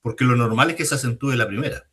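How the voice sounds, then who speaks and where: Polite hesitant student. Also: male voice, mid-range voice, quick pace, a bit bright, slightly rough. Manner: polite, hesitant, apologizes before asking. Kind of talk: asking questions in class.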